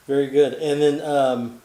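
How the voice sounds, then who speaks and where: A man's voice: on the high side, mellow, reverberant, rough recording. A man hosting a casual family interview, asking rambling questions and cracking small jokes. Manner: chatty, joking, rambling questions. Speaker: host, grandson interviewer.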